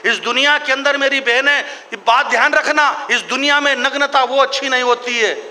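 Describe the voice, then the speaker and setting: A man with a Marwari accent talks from the stage of a poetry gathering, his voice very high and bright. He mixes humor with chatty asides to the audience. The hall rings with long reverb over a faint hum of noise. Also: steady tone, normal speed. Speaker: stage poet. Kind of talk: kavi sammelan stage talk with humor.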